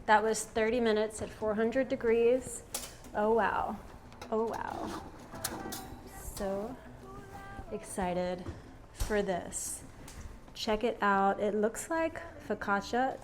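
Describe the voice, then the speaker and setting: A woman hosting a casual cooking vlog in her home kitchen, soft-spoken and savoring each bite. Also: fairly high pitch, takes it slowly, pauses often.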